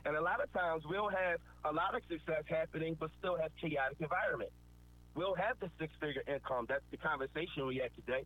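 A man's voice: a little high, brisk. Earnest man on a tinny line. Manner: earnest, preachy, repetitive emphasis. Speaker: motivational speaker. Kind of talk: motivational talk. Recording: tinny phone-like line with faint noise.

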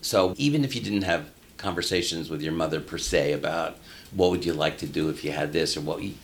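A man who works as an elder care consultant, talking in a measured, anecdotal way in a casual interview. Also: a bass voice, slight background noise.

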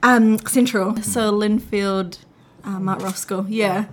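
A woman's voice: medium pitch, steady tone, slow pace. Chatty woman guest, open and talkative. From Philippines. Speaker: podcast guest. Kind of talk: casual interview chat.

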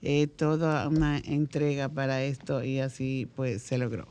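A man's voice: mid-range voice, flat delivery, unhurried, darkish tone, clear, resonant tone. A man, co-hosting an unscripted radio chat. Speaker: radio co-host.

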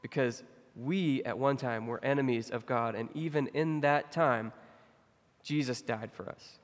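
A man's voice: medium pitch, measured pace. Young man preaching in a reverberant hall. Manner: conversational, many fillers, animated when telling stories. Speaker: pastor. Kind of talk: sermon.

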